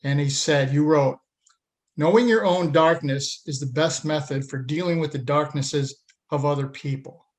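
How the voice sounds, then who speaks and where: A man's voice: a little high, moderate pace. A man hosting a podcast, reading an earnest scripted introduction and then interviewing a guest over a remote link. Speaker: podcast host.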